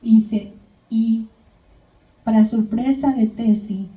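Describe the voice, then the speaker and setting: A woman's voice: fairly high pitch, steady tone, slow pace, warm tone. A woman preaching a sermon to her congregation, retelling Bible stories and often checking in with her listeners as she goes. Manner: addresses congregation as brothers and sisters. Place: church. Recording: echoey church hall, mic at a distance.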